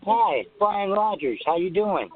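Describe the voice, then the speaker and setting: An anxious man calling in over the phone to a talk show, soft-spoken, hesitant and earnest. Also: high-pitched, expressive, a little slow. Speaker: caller. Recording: tinny phone line.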